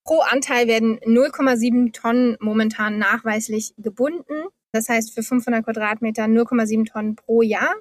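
A woman in her thirties speaks as an interview guest, with a voice sitting a bit high. She walks through figures in a steady, orderly way, and her enthusiasm shows through. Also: a little fast, few pauses. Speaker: guest, founder of a forest project. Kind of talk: interview answers.

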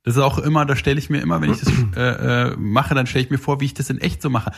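A man's voice: medium pitch, fast talker, husky. A man co-hosting a podcast in casual comedic chat, joking around and dropping into silly sounds. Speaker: podcast co-host.

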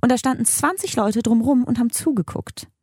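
A woman's voice: fairly high pitch, a little fast, darkish tone, dry recording. Woman podcast host telling a story, blunt, swears a lot, dry close sound. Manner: emphatic storytelling, blunt and emotional, swears freely. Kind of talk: casual chat.

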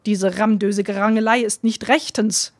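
A woman's voice: medium pitch, fairly even intonation, moderate pace, dry recording, close to an everyday voice. A woman voicing a complaining hungry rat in a tongue-twister story, rolling her Rs. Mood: whiny. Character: whiny hungry male rat.

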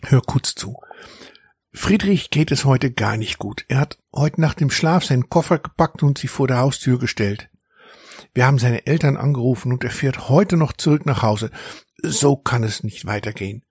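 A man voicing a calm, serious middle-aged father in a children's story, speaking in a measured way. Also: mid-range voice, slightly rough, dry recording, clean studio sound.

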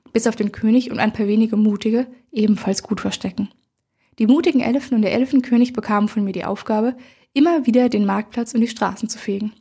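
A woman reads a first-person fairy tale aloud for children, calm and measured. Her voice is husky and dark in tone, pitched a little high. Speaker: storyteller. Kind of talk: scripted first-person story narration.

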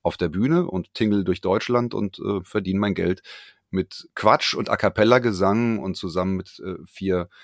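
A man, a performer answering interview questions over a remote call, relaxed and hesitant with many fillers. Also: sits low, normal speed, no room sound, clean studio sound. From Frankfurt, Germany. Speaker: guest, a cappella performer. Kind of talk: casual interview.

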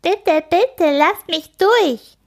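A woman's voice: very high-pitched, animated, drawn-out words, vocal fry, pitched above the performer's own voice, heavily acted. A woman reading aloud and voicing a mean, bossy kindergarten girl who taunts in a mocking tone.

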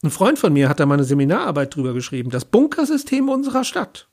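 A man with a husky voice voicing a blunt, cursing young woman with colorful hair, stranded on a phone call. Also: fairly high pitch, sing-song, fast, a little mellow. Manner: blunt, casual, sarcastic.

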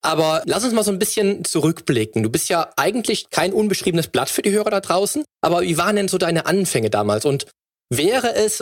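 A man's voice: a little high, husky, no echo, clean studio sound. A man hosting a fitness podcast, reading a sponsor spot and then asking long, searching questions. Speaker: podcast host.

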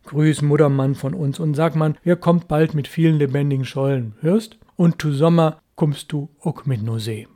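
A man doing a calm fisher father. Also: a little high, moderate pace, few pauses, close to an everyday voice. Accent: Low German. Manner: calm, approving. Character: calm fatherly fishing skipper.

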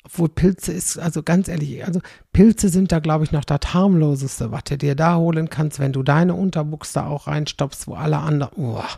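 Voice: medium pitch, fairly even intonation, normal speed, vocal fry, mellow, breathy edge, dry recording, studio quality. A middle-aged comedian, doing a chatty, rambling stand-up monologue and tagging sentences with "ne?". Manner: rambling, chatty, constantly tags "ne?".

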